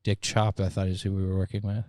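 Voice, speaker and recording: A man's voice: low-pitched, monotone, fast, darkish tone, dry recording. A man co-hosting a comedy podcast, throwing in dry, teasing quips. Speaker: podcast co-host. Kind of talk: casual comedy banter.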